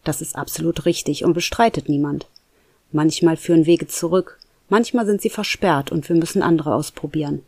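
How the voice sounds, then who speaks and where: A storyteller reading a reflective story in calm scripted narration, turning to address the listener directly. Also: medium pitch, normal speed, dry recording.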